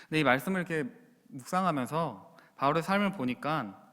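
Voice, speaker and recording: A pastor delivers a Wednesday-style sermon in a fairly high voice. His words echo with a long church reverb. He speaks earnestly and keeps turning to the congregation with direct questions. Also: lively intonation, a little fast, a bit bright. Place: church sanctuary.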